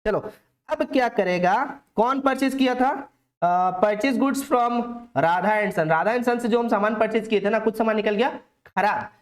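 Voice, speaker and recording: A man's voice: high voice, measured pace. Young male tutor, casual coaxing lecture style, keeps quizzing the class and supplying the answers. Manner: asks questions aloud and answers them himself; coaxing, talks straight to the students. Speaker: accounts teacher.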